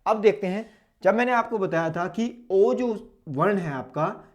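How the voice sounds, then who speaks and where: A man teaching an online Hindi lesson, demonstrating each vowel sound slowly and aloud, and asking questions he then answers himself. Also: high-pitched, lively intonation, highs cut off. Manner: drills sounds aloud, asks and answers his own questions.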